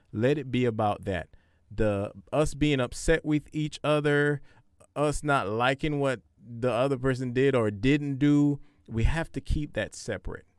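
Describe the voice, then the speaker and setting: Man, podcast host, parenting advice, casual, repetitive, medium pitch, dry recording. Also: a little mellow, clear, resonant tone, no echo. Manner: conversational, repetitive, preachy.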